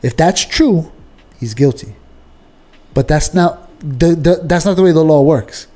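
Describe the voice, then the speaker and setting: A man in casual political chat, argumentative and animated, peppering his talk with fillers. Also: fairly high pitch, a little slow.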